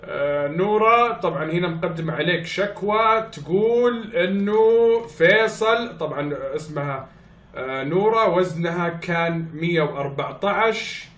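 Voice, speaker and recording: A man's voice: sits high, animated, moderate pace, fairly bright tone. A man making a prank phone call in a hesitant, stalling way. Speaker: prank caller. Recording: echoey room.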